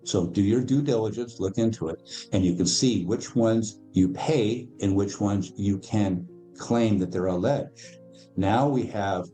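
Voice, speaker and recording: Speaking a little slowly, a man with a fairly low, dark voice talks over soft background music. As a financial educator on a podcast, he explains in a casual interview, delivering his stories emphatically and imitating the people he quotes.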